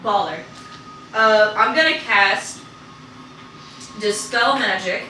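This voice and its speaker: A woman's voice: mid-range voice, takes it slowly, sharp tone. A woman playing a tabletop role-playing game, talking in casual chat about her moves. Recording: echoey room, distant mic, clear background noise.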